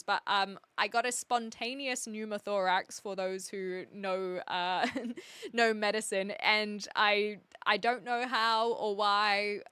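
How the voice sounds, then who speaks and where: A woman's voice: mid-range voice, pushed and bright, clean tone, no room sound. A woman with a mixed New Zealand and British accent, chatting casually and cheekily with viewers as a live streamer. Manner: chatty, cheeky, reacts to chat messages. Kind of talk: casual livestream chat with viewers.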